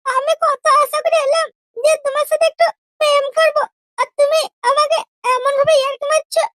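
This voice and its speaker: A voice actor playing a prim, touchy young girlfriend in a comedy cartoon, with a very high, squeaky voice and an indignant way of talking. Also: little pitch movement, sharp tone. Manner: indignant, quick to take offense.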